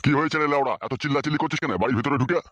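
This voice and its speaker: Man doing a gruff, swearing village uncle. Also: a little high, rapid-fire, a bit bright, no room sound.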